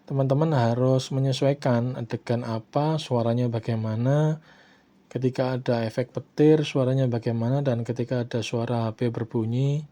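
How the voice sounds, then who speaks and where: A man calmly walking viewers through a video editing tutorial, stopping often to check in with his audience. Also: mid-range voice. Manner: unhurried, repeats "ya, teman-teman" often. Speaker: tutorial host. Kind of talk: screen-recorded software tutorial.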